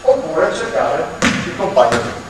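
Male basketball coach, higher voice, explains drills and shouts encouragement, recorded in a gym from a distance. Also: very animated, a little slow. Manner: explains at length, then shouts urging players on. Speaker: basketball coach running a clinic. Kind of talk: on-court coaching clinic. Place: large indoor gym. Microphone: far camera in the stands. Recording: echoey gym from far off, faint noise.

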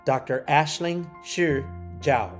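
A man with a fairly high-pitched voice serves as name reader at a graduation, formally announcing each graduate in a measured manner. Music plays underneath the roll call.

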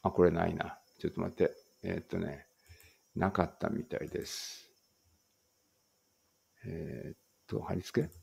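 A man's voice: low voice, steady tone, measured pace, creaky, long pauses, a little mellow, slightly rough. A man teaching English vocabulary, reading words aloud and thinking aloud as he checks each one. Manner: thinks aloud while working through a word list. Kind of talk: vocabulary read-aloud lesson.

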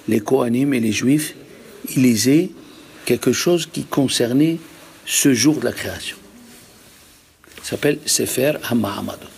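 A rabbi teaching a religious lesson to a live group, emphatic and full of rhetorical questions. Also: male voice, mid-range voice, gravelly, slight background noise.

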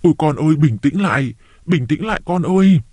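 A man's voice: on the high side, animated, brisk, dark tone, no room sound, pitched above the performer's own voice. A man doing a tearful old mother begging. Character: frightened elderly mother-in-law, begging.

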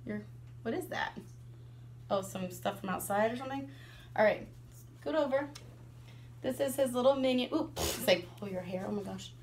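A woman and mother vlogging a casual product review, chatty and excitable, laughing often. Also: on the high side, moderate pace, pauses often, slight background noise.

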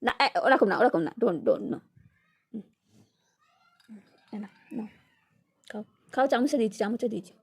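A woman's voice: a little high, animated, moderate pace, creaky, pauses often, breathy edge. A mother filming a casual family vlog at home on a phone, coaxing her toddler in a sing-song way and chatting to viewers.

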